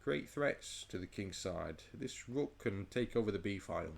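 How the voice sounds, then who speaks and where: A man's voice: lowish voice, lively intonation, normal speed, vocal fry. A man casually commentating a chess game, rambling and stammering through restarts while overheated and sweating. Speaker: chess channel host.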